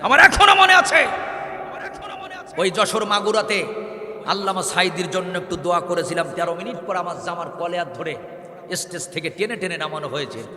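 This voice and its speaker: High, bright-voiced man preaching with echo. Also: fairly quick. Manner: chanting rhymed lines, swelling into shouts; calls on the crowd to answer. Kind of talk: Bengali waz sermon.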